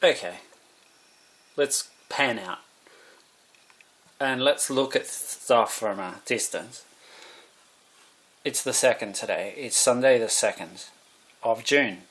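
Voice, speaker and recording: A man rambles to camera in a loose, musing monologue. He drifts between thoughts and stops to correct himself. His voice sits at an everyday mid pitch. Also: takes it slowly, pauses often, a bit bright. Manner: musing, meandering, self-correcting. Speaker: vlogger.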